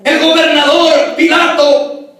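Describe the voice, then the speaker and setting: Preacher guy, really high bright voice, fervent, shouts the big lines, echoey church hall from far off. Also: flat delivery, takes it slowly. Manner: fervent, bursts into shouts on key phrases; addresses the congregation as brothers. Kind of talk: Sunday sermon.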